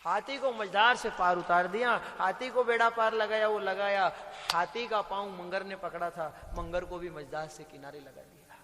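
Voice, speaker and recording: Middle-aged male preacher, bright tense tone, repetitive sing-song delivery. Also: high voice, moderate pace, few pauses. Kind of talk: devotional sermon storytelling. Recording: long hall reverb.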